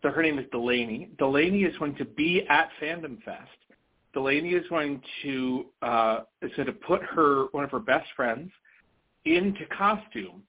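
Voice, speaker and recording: A man's voice: fairly high pitch, lively intonation, moderate pace, breathy edge. An American man chatting casually as a podcast guest over the phone, telling stories with chatty emphasis. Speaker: podcast guest, convention organiser. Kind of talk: casual phone interview chat. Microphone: phone call. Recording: tinny live phone line.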